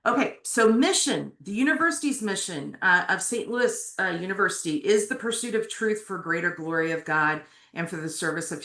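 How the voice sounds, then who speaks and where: Bright-voiced woman presenting in an echoey room. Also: on the low side. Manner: conversational, frequent fillers, asks "right?". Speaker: MSW program faculty presenter. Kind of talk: orientation presentation. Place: classroom with online attendees. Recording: roomy echo.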